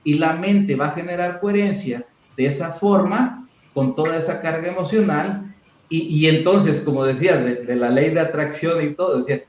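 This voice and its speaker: A man talks as a mental coach in an interview, animated and acting out little scenes to make his point. His voice sits fairly high. The sound is roomy and dull, like a video call. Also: moderate pace. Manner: animated, acts out examples in quoted voices. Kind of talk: explanatory interview talk.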